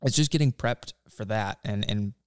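A man's voice: lowish voice, moderate pace, clean tone, no room sound, clean studio sound. A man in his thirties co-hosting a casual podcast chat, laid-back and rambling with restarts. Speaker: podcast co-host, father-to-be.

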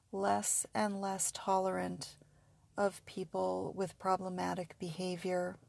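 A woman's voice: fairly low pitch, vocal fry, no room sound. A woman narrating guided sleep hypnosis like a sleep story narrator, in a soothing, repetitive, suggestive way.

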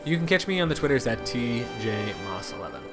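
A man's voice: mid-range voice, big pitch swings, brisk, music in the background. A man co-hosting a podcast with a congested, nasal voice, chatting casually and thinking aloud with many fillers. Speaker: podcast co-host. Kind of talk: casual chat about a TV show.

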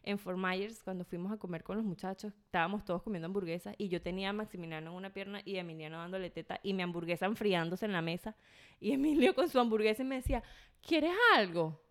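A woman's voice: mid-range voice, fast talker. A woman, hosting a casual podcast and acting out the lines she quotes. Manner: animated storytelling, acts out quoted lines. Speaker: podcast host.

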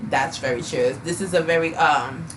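A woman's voice: sits low, normal speed, recorded from a distance, slight background noise. Sleepy woman podcast host, loose chat. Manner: loose, filler-heavy, playful teasing. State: tired, sleepy. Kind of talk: casual chat.

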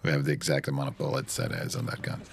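A man giving casual director's commentary on a film, talking haltingly and often repeating words. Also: a bass voice, sing-song, gravelly.

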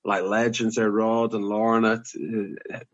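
Highland Scottish man telling stories, slightly dull recording. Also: little pitch movement, a little slow, no echo. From Inverness, Scottish Highlands. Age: early 40s. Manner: jokey, informal. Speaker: podcast guest. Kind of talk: casual personal storytelling.

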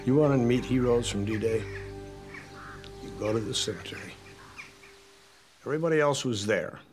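A man's voice: medium pitch, normal speed, over music. An older man, a veteran, remembering emphatically in a documentary interview. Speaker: war veteran.

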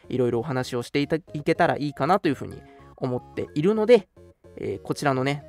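A man with a mid-range, slightly mellow voice hosts a radio show, delivering casual, scripted-segment announcements. He's polite and chatty, often dropping in interjected particles.

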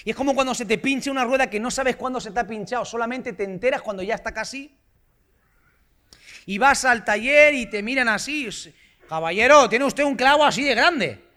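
A male pastor with a Spanish accent delivers a sermon in a church hall. His voice sits very high and rings bright and forceful. He drives his points home with emphatic bursts that climb to shouts. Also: a little fast. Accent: Spanish from Spain. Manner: emphatic, rising to shouts on key phrases.

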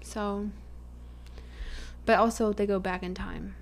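A young adult woman co-hosts a podcast, chatting casually and playing up her own drama in a self-mocking way. Her voice is medium-pitched and gravelly, with a steady tone and a slow pace.

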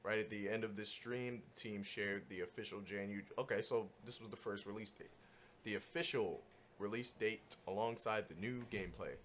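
A man's voice: on the low side, fairly even intonation, normal speed, a bit bright, slight background noise. A man hosting a casual gaming news chat, talking bluntly in slangy, profane bro speak. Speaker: podcast host.

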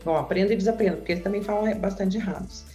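A woman's voice: medium pitch, very fast, warm tone, soft background music. A woman, co-hosting a casual chat and thinking aloud as she asks questions. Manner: thinks aloud, hedging with "sei lá". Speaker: co-host.

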